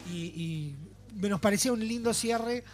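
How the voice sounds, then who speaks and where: A man hosting a radio show, welcoming his guest in a friendly, relaxed way. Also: sits high, moderate pace, faint music behind. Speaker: radio host. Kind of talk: casual radio chat.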